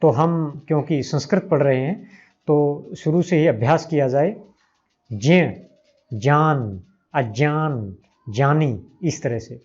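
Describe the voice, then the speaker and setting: A man with a Hindi accent teaches a grammar lesson at a very unhurried pace. He repeats each sound carefully so learners can follow. The recording is slightly dull and lo-fi. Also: on the high side, darkish tone, slightly rough. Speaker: Sanskrit teacher. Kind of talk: slow spoken grammar lesson.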